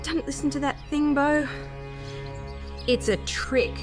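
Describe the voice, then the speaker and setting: A steady phoenix sorceress voiced by a woman who speaks slowly and firmly in a mid-pitched voice. Music plays clearly behind her. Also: natural voice. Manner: calm, firm, protective. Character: female phoenix bird spirit, loyal sorceress.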